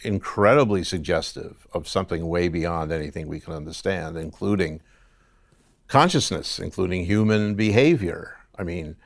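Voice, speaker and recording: Man, middle-aged, very deep voice, gravelly, dry close sound, halting, conversational. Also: no room sound. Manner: halting, many restarts. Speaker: interview guest. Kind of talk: conversational testimony.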